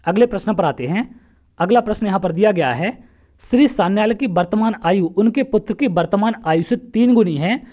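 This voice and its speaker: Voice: medium pitch, lively intonation, fairly quick, mellow. A math teacher from central India, solving exam questions step by step, often asking a question and answering it straight away. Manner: asks questions then answers them, step by step. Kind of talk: exam-prep lesson solving past paper questions.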